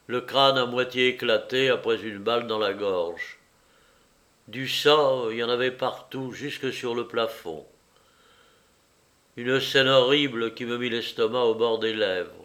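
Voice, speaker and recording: Guy reading a novel out loud, unhurried and deliberate, mid-pitched voice. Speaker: narrator. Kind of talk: audiobook reading.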